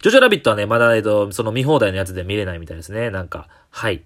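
A man's voice: on the low side, expressive, racing, a bit bright. A male comedian talking casually and enthusiastically on his solo podcast, with lots of fillers.

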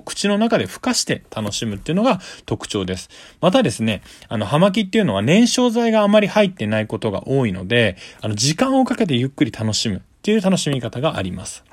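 A man's voice: fairly high pitch, no room sound. A man giving a casual, polite explanatory monologue as a solo host, going step by step in simple terms. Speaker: solo talk show host.

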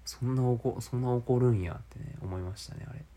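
A young man with a Kansai accent, rambling through a casual, self-mocking solo podcast in a low voice. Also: brisk, dark tone. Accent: Kansai Japanese. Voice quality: low speaking voice.

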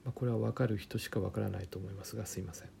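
A man teaching German pronunciation in a chatty, joking way, often dropping to a quiet aside. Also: fairly low pitch, steady tone, racing, gravelly, slight background noise. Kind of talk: casual spoken lesson with jokes.

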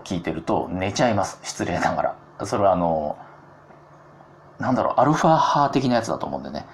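A man's voice: fairly low pitch, vocal fry, a little hiss or hum. A man hosting his own solo talk show, chatty and self-mocking, with jokey asides. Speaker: podcast host.

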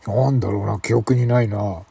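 A man's voice: on the low side, fairly even intonation, fairly quick, gravelly, dark tone, husky. A man hosting a comic talk show, reading mock news and feigning outrage. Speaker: radio talk host.

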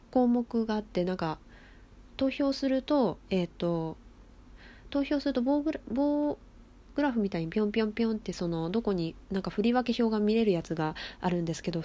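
Excitable woman host doing a solo phone-app talk show; chatty, giggly, fast enthusiasm, everyday mid-range voice. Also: mid-range voice. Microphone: phone app recording.

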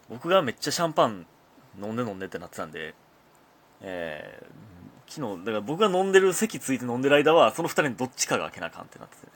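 A man's voice: mid-range voice, a bit bright. A man with a Kansai accent hosting his own casual solo talk show, chatty and often laughing as he talks. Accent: Kansai Japanese. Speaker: comedian podcast host.

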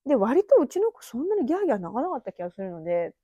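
A woman's voice: sits high, sing-song, rapid-fire, dark tone, breathy edge, dry recording, highs cut off. A woman in her thirties hosting a casual solo podcast at home, reminiscing in a rambling, chatty way with little laughs. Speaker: podcast host. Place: empty house. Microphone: phone app mic.

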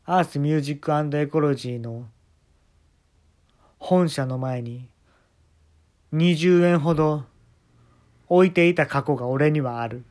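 A man voicing a rude, boastful male fortune teller, speaking slowly and condescendingly. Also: a little high, darkish tone, lightly acted. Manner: smug, condescending, slow and emphatic.

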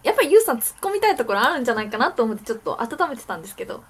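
A woman's voice: a little high, very animated, very fast, a little hiss or hum. A woman from Wakayama with a Kansai accent, hosting a casual, comic radio chat. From Wakayama, Japan. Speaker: radio host as apprentice restaurant proprietress.

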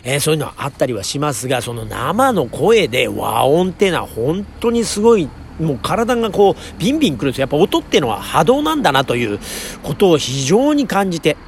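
Man talking fast outside by a station, gravelly voice, his pitch jumping around, faint traffic behind. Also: big pitch swings. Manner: chatty, polite, with many fillers. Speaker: podcast host. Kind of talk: casual solo talk. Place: outdoors near a train station at night. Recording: faint street noise outdoors.

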